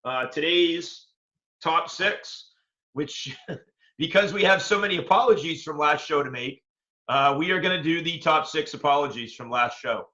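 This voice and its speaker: A man co-hosting a casual show chat, rambling and halting with repeated restarts. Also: a little high, bright, forceful tone. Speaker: co-host. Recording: dull lo-fi sound.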